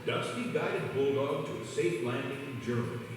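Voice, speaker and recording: A man with a medium-pitched voice reads a children's read-along story at a moderate pace as a scripted narrator. He sounds distant in an echoey hall, with music playing behind him.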